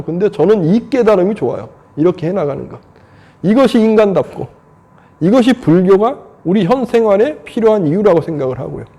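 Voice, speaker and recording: A man's voice: sits high, dark tone. A man in his fifties, a Buddhist monk, giving an earnest, conversational dharma talk full of rhetorical questions. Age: 50s.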